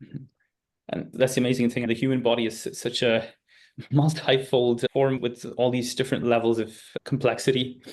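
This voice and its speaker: A man with a medium-pitched, level, slightly mellow voice speaks at normal speed as a guest speaker on a webinar, answering questions and often searching for his words. The audio comes through a video call microphone.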